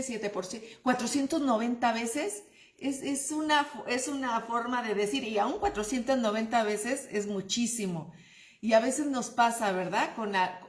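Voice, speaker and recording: Slow, echoey woman teaching scripture. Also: a little high. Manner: explains scripture slowly, asking listeners to notice details. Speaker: Bible study teacher. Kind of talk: women's Bible study teaching. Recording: echoey room.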